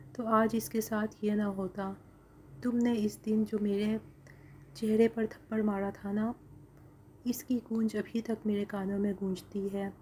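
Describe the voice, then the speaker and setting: A woman's voice: medium pitch, warm tone, slight background noise, natural voice. A woman voicing a cold, gloating young villain. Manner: cold, taunting, boastful. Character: cruel arrogant young man, vengeful kidnapper.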